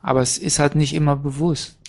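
Gravelly voiced guy in a spiritual talk, lots of ums, feeling his way through. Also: fairly high pitch, fairly even intonation, a little fast. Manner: hesitant, searching for words with many fillers. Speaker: participant in a spiritual dialogue. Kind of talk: casual reflective conversation.

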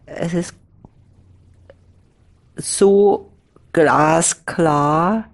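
A woman speaking as a spiritual teacher in a slow, reflective dialogue, pausing often and talking in drawn-out fragments. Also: sits low.

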